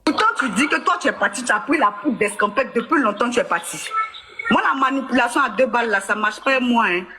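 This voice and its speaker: A woman's voice: a little high, expressive, fairly quick, background noise. A woman in a confrontational live-stream clip, taunting and scornful.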